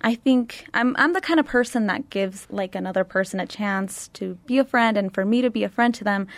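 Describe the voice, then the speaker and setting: An eighteen-year-old woman from Chile hosting a youth panel discussion in a studio, talking things through in a reflective, unhurried way. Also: medium pitch, dry recording.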